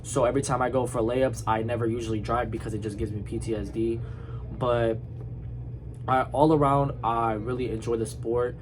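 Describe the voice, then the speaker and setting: A man's voice: medium pitch, fairly even intonation, normal speed, a little hiss or hum, low-quality recording. A young man from Iraq, a student giving an informal, rambling class presentation about himself with frequent fillers and restarts. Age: young adult. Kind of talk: casual spoken class presentation.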